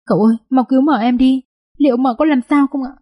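A woman's voice: steady tone, quick pace, warm tone. A woman voicing a frantic young servant girl. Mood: panicked wailing. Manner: wailing, shrill pleading.

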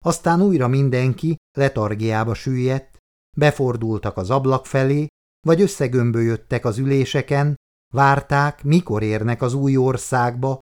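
A man narrating an audiobook in a steady, measured way, with a voice of ordinary middle pitch. The reading is calm and even-paced, a plain storyteller's delivery. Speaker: audiobook reader. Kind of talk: scripted narration.

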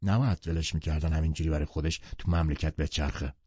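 A man's voice: rumbling low, fairly even intonation, dark tone, breathy edge, dry recording, dull audio, pitched below the performer's own voice. A man narrating an audiobook who voices an arrogant, domineering young rich man, speaking bluntly and condescendingly. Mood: curt.

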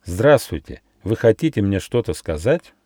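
A man's voice: on the low side, big pitch swings, moderate pace, dry recording, clean studio sound. A man voicing a kind, polite little male gnome who speaks courteously. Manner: courteous and gentle.

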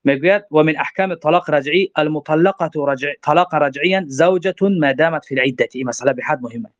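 A man's voice: fairly high pitch, dry recording. A man gives a religious law lecture, reading Arabic lines and explaining them with rhetorical questions. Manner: reads Arabic text aloud, then explains with rhetorical questions. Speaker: religious teacher. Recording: dull, lo-fi dry recording.

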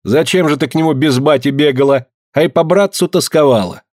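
A man reading a story, voicing a defiant young peasant woman who answers with sharp, biting retorts. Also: mid-range voice, lively intonation, fairly quick, no room sound, clean studio sound, close to an everyday voice.

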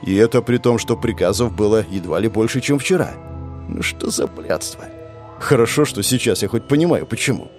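A man's voice: lowish voice, quick pace, hardly any pauses, darkish tone, faint music behind. A man giving gritty, intense first-person fantasy audiobook narration, swearing now and then.

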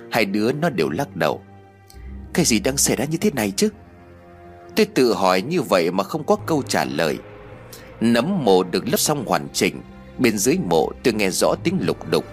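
A man narrating a ghost story in a dramatic, expressive way. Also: on the low side. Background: faint music.

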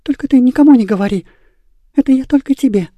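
A woman's voice: fast, dark tone, no echo. A woman reading aloud voices a tearful, remorseful schoolgirl who sobs and pleads. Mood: secretive. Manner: sobbing, high and pleading. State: crying.

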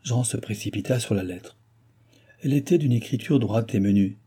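Low, husky male audiobook narrator. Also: normal speed. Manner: steady storytelling cadence. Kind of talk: audiobook reading of a classic novel.

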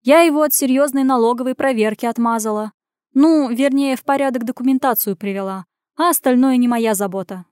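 A woman's voice: on the high side, animated, moderate pace, a little mellow, no room sound, clean studio sound, natural voice. A woman reading an audiobook, voicing a brash female friend who speaks bluntly and gives orders. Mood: bossy. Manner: bossy, blunt, commanding.

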